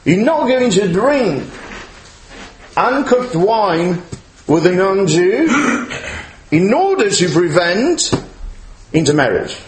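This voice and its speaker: This rabbi's voice is high and sing-song; he goes slowly and pauses often while delivering an emphatic, questioning lecture on religious law to listeners present with him. Originally from outside Chile, he now lives there, and the recording has room echo, faint noise, and clicks.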